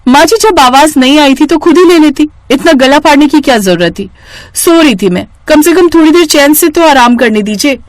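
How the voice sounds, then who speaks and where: A woman voicing an impatient, sharp-tongued young wife and daughter-in-law in a cartoon story, speaking high and insistent. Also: lively intonation, fairly quick, no room sound, lightly acted. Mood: snappy, annoyed.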